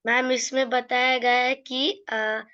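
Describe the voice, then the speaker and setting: Woman student, online class, hesitant answer, bright tone, dull call audio. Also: fairly high pitch, level tone, slow pace. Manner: hesitant, explaining in simple words. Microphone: video call.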